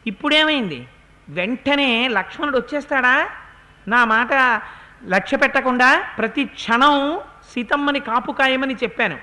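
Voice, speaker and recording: A man giving a devotional discourse, chanting verses slowly and then explaining them with rising emphasis. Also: very high voice, bright, forceful tone. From India. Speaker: religious discourse speaker.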